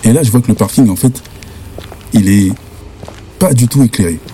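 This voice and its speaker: A young man from France telling a spooky personal anecdote in lively, slangy casual speech. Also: medium pitch, normal speed, slight background noise. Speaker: storyteller.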